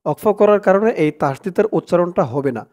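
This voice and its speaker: A man teaching Quran recitation, chanting verses slowly and drawn out, then explaining letters and vowel marks in quick asides and asking listeners to repeat after him. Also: high-pitched, animated, darkish tone. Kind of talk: recitation lesson with call-and-repeat.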